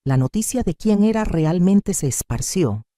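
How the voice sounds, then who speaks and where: Woman narrator, first-person drama, composed and firm, mellow tone, lively pitch. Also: moderate pace, no echo, studio quality.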